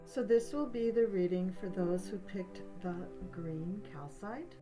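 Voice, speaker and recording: An older woman reading tarot and oracle cards, calmly giving steady, reassuring guidance. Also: mid-range voice, unhurried, over music, rough recording. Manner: calm, steady, reassuring guidance with small restarts. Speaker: tarot card reader. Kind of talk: pick-a-card reading.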